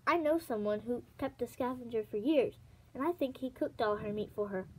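A woman's voice: on the high side, moderate pace, slightly rough, poor audio. Moon, a shy anxious young she-dragon, read by a woman. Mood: hesitant. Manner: hesitant, stammering.

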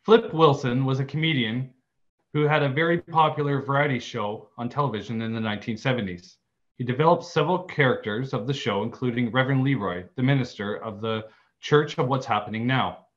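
A man's voice: medium pitch, fairly quick. A man minister giving a sermon in a storytelling, read-aloud manner, now and then correcting himself. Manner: storytelling, reading aloud with small self-corrections. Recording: slightly dull lo-fi church recording.

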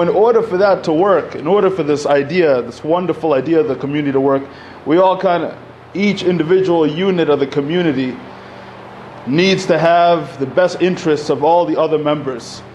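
In a community center hall, an Egyptian-born man in his thirties addresses the room from a podium mic as a panel speaker. His talk is casual and full of fillers and false starts. The voice is slightly high and darkish in tone, with a bit of background noise.

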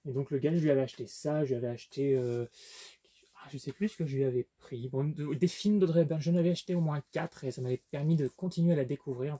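A man's voice: on the high side, quick pace, warm tone, husky. A man casually showing his book collection in a vlog, talking with lots of fillers and restarts. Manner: hesitant, many fillers and restarts. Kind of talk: casual unboxing vlog chat.

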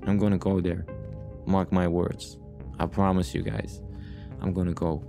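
A gaming YouTuber hosts a let's play with music behind his low, gravelly, flat-pitched voice, taking his time. Short on sleep, he rambles playfully and often repeats his own phrases.

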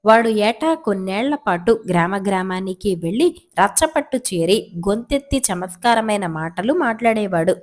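A woman narrating folk tales from a children's story magazine in a steady, scripted reading. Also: medium pitch.

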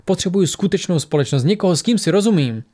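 A man's voice: high voice, expressive, dark tone, pitched above the performer's own voice. A man voicing a performer who channels a lonely, searching spirit in an audiobook.

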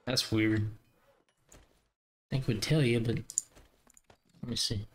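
A man chatting casually while playing a multiplayer game, relaxed and bantering. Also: medium pitch, unhurried, a little hiss or hum. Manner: laid-back banter, laughs a lot. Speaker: gamer. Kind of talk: casual multiplayer gameplay chat.

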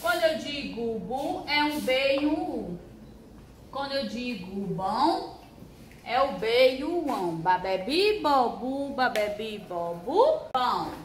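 A woman teaching a first-grade handwriting lesson with a Brazilian Portuguese accent, drilling syllables in a slow, sing-song way and stretching out words. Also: a little high, big pitch swings. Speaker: primary school teacher. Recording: echoey room with faint hiss.

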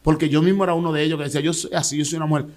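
A man with a Dominican accent tells his personal story in an interview. He talks quickly in a somewhat high voice. His delivery is animated and emotional, and he often restarts and repeats words. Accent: Dominican Spanish. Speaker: interview guest.

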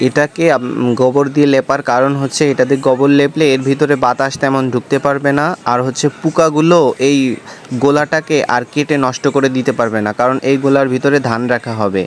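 A man's voice: medium pitch, fairly even intonation, brisk, a little hiss or hum. A young man from a Bengali village vlogging in simple, teacherly talk, asking viewers questions and answering them himself. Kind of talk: casual explainer vlog to viewers. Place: outdoors in a village farmyard.

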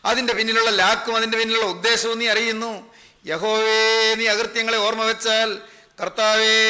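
Bright-voiced preacher, earnest. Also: male voice, sits high. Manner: earnest, repetitive preaching in prayer-like refrains. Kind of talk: sermon.

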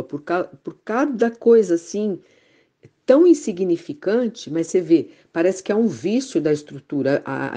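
A woman talking frankly about her frustrations in a casual reflective conversation, halting often with fillers and restarts. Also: deep voice, warm tone. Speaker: conversation partner in spiritual talk.

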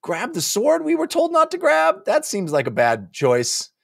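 This book club podcast host has a very high-pitched, gravelly voice and takes his time, chatting casually about a novel in an animated, jokey way while acting out characters' lines. The dry, clean recording comes from a close boom-arm studio mic in a small home studio.

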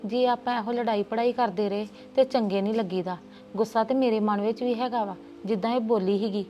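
A woman's voice: on the high side, steady tone, brisk, muffled recording, faint music behind. A woman playing an aunt in a family drama, soothing at first and turning indignant. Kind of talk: Punjabi family drama dialogue.

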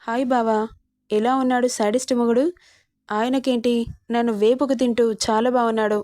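A woman's voice: on the high side, steady tone, normal speed, mellow, dry recording, close to an everyday voice. A woman voicing a young wife who coaxes and sulks at her husband in a storybook romance, in a dry, close recording. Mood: worried. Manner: coaxing, sulky pleading. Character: young wife, pleading and teasing.

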